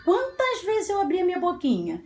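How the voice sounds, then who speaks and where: A woman's voice: extremely high pitch, wildly swooping pitch, fairly quick, darkish tone, slight background noise. A woman teacher giving a children's classroom lesson, patient and sing-song, stretching out syllables as she sounds out words. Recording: echoey room, faint ambience.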